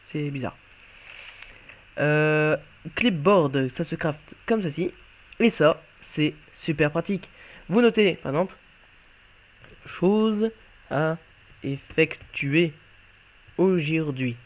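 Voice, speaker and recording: A man's voice: fairly high pitch, lively intonation, slow pace, long pauses. A man giving casual gameplay commentary as he shows off a game mod, talking offhandedly and thinking aloud while he plays. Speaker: YouTuber showcasing a game mod.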